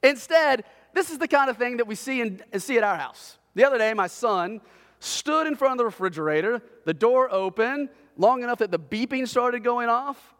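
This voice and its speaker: A man delivers a sermon in an unusually high voice, spinning an everyday family story with animated, sarcastic flair. His words ring out with a long reverb trailing behind them. He sounds like a pastor talking straight to his congregation. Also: moderate pace.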